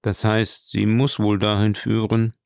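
A man's voice: on the low side, flat delivery, a little slow, vocal fry, a little mellow, no echo, studio quality. A man voicing a terrified, superstitious male steward who stammers and pleads. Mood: uneasy.

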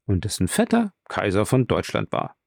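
A man's voice: fairly low pitch, huge pitch swings, normal speed, gravelly, no echo, clean studio sound, heavily acted. A man voicing a nonchalant, ironic young government official in a read-aloud novel. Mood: offhand. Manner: offhand, ironic.

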